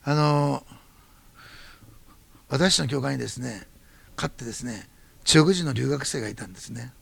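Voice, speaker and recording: A man preaching as a pastor, telling a testimony in quick, animated bursts. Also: medium pitch, vocal fry, husky. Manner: fast-talking, animated storytelling. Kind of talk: sermon testimony.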